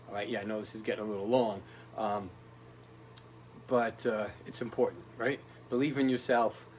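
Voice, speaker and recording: A man's voice: on the low side, darkish tone, slight background noise, low-quality recording. A man giving a casual motivational talk, rambling and tough-talking, often checking in with "right?". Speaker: motivational speaker.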